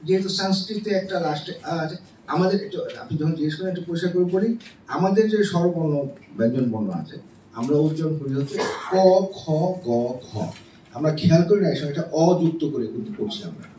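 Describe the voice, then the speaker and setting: A man's voice: a little high, fast, mellow. A middle-aged man, a professor, giving an explanatory classroom lecture on music theory and checking in with his listeners often. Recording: roomy and distant with faint noise.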